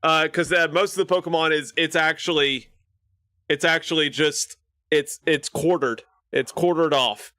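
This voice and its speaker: A man's voice: fairly high pitch, steady tone, normal speed, bright, forceful tone, dry recording, studio quality. A man live streaming and chatting casually with his viewers, rambling with lots of fillers and restarts.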